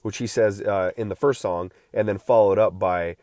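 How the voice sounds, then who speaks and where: A rambling podcast host in his thirties speaks in a low, darkish voice with fairly even intonation at normal speed, restarting often and leaning on filler words. Recovering from feeling unwell, he delivers a casual solo monologue in studio quality with no echo.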